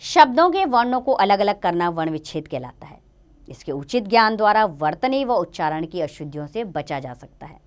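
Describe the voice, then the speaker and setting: A woman teacher giving a grammar lesson to children, slowly sounding out letters one by one. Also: fairly low pitch, big pitch swings.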